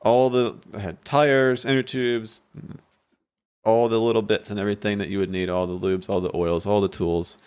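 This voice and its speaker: A man in his thirties with a low, deep voice talks through his past in a loose, rambling way, often restarting his sentences. He sits at a boom-arm studio mic in a small podcast room. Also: fairly even intonation, normal speed, darkish tone, clean tone. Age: 30s. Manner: rambling, candid storytelling with frequent restarts. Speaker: guest, bike shop owner. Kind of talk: casual interview talk. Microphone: studio mic on boom arm, headphones.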